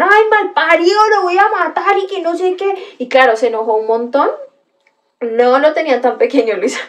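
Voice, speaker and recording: High-voiced woman livestreaming. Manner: animated storytelling with gasps and exclamations. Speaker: livestream host reading chat. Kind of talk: casual livestream chat.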